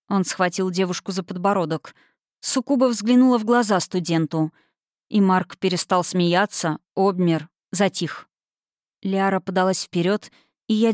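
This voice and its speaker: A woman narrating a fantasy audiobook in a steady, even reading. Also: medium pitch, dry recording, studio quality. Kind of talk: scripted narration.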